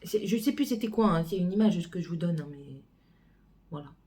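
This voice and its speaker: A mother chatting casually in a home vlog, rambling and hesitant, with lots of pauses as she talks. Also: fairly low pitch, animated, mellow.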